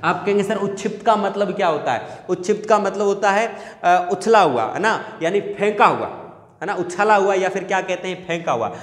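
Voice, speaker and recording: A man's voice: high-pitched, normal speed. A male teacher giving a lecture, asking his students questions and answering them himself. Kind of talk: classroom lecture. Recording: echoey room with long reverb.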